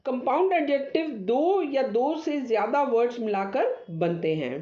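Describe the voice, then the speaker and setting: A woman teaching a grammar lesson, explaining rules step by step and reading example sentences slowly and deliberately. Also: a little high, animated, dark tone, highs cut off.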